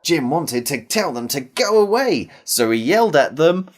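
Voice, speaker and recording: An English man telling a wartime folk tale to children, dramatic and animated, drawing the listeners in. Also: a little high, moderate pace. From England. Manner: animated, dramatic, involving the audience. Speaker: storyteller. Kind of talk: storytelling for children.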